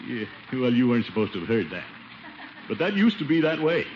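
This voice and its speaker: A man's voice: mid-range voice, big pitch swings, brisk, lightly acted. A man plays a jolly, self-important middle-aged American bachelor uncle in a 1950s radio comedy. His hearty, theatrical voice swoops widely up and down. It comes through a muffled old broadcast with faint hiss. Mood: boastful, avuncular.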